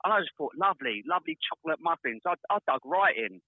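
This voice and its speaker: Builder on a tinny phone line. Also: male voice, fairly high pitch, fast, slight background noise. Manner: animated storyteller, acts out quotes, stumbles on words. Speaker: builder calling in to a radio show. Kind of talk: casual anecdote telling.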